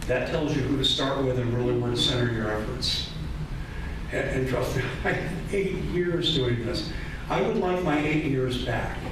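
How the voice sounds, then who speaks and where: Echoey, distant man addressing a gathering. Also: mid-range voice. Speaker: radio host introducing a guest speaker. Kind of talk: informal public speech at an event. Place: echoey indoor event room with an audience. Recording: very echoey hall, far from mic, noisy.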